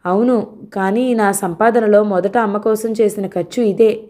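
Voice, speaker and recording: A woman's voice: medium pitch, fairly even intonation, unhurried, dark tone, lightly acted. A woman reading the part of a cheerful, affectionate young husband who is earnest about his mother, in her own voice. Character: young educated husband, cheerful and devoted son.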